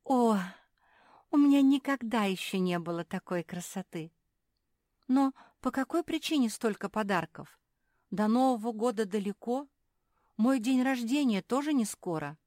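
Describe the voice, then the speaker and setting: A woman's voice: a little high, expressive, a little slow, a little mellow, no room sound, clean studio sound, pitched above the performer's own voice. A woman voicing a kindly, gracious female pug who is cheerful and easily delighted.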